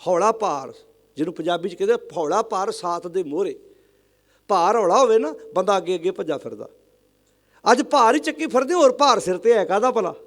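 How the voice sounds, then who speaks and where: Male preacher, high voice, emphatic sermon, rhetorical questions, slow chanted verses. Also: lively intonation. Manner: emphatic, with rhetorical questions and calls for the congregation to answer aloud; chants scripture lines slowly. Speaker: Sikh religious preacher. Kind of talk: sermon addressing a congregation.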